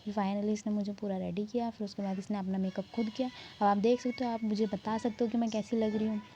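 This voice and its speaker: A woman's voice: mid-range voice, little pitch movement, fast talker, warm tone. A young woman narrating her vlog in a chatty, rambling, self-mocking way. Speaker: vlogger. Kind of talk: casual vlog voice-over narration. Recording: dull lo-fi sound, faint background noise.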